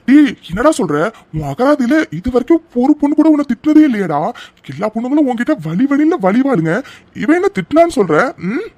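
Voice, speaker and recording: A man's voice: very high voice, big pitch swings, a little fast, dark tone, dry recording, dull audio, full character voice. A man voicing a teasing young male friend in a cartoon, prodding with questions. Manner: teasing, probing.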